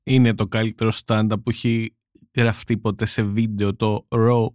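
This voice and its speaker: Co-host: man, mid pitch, wisecracking interjections, dry close mic. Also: flat delivery, darkish tone, smooth, no echo. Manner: joking, quick interjections, mixes in English slang. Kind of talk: casual chat.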